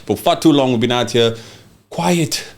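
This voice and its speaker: A man's voice: medium pitch, normal speed. A man from Congo hosting a political podcast, talking in a fiery, emphatic way, swearing and often asking if the listener understands. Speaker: podcast host. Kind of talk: impassioned political talk.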